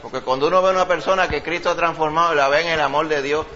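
A man preaching a lively sermon, calling his listeners brother. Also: on the high side, rapid-fire, muffled recording, noisy background. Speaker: pastor.

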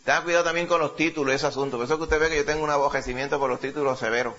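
A preacher delivers a sermon with emphatic conviction. He keeps posing rhetorical questions to his listeners in a somewhat higher male voice. The recording is muffled and lo-fi. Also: steady tone, rapid-fire, a bit bright. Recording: dull lo-fi recording.

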